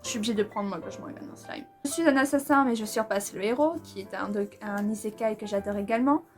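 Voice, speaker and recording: A woman's voice: mid-range voice, quick pace, soft background music. A young woman from France chatting casually and enthusiastically in a manga vlog, using a lot of slang. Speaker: manga vlogger.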